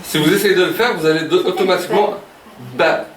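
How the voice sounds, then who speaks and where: A man's voice: high-pitched, fairly even intonation, racing, over music. A man teaching a beginners' Arabic class, often repeating words and checking with "ok?". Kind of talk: classroom lesson. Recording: echoey room, voice from a distance.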